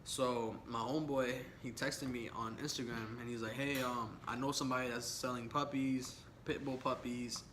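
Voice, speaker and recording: A man's voice: medium pitch, little pitch movement, moderate pace, hardly any pauses. Young man telling stories, laid-back and slangy. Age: young adult. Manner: laid-back, slangy and rambling, laughs often. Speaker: vlogger. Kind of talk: casual story time chat. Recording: background noise.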